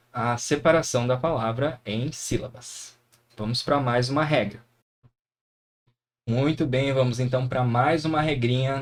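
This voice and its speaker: A man with a Brazilian Portuguese accent teaching a grammar lesson, encouraging and often checking in with his students. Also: medium pitch. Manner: encouraging, frequent tag questions. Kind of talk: classroom lesson explaining grammar.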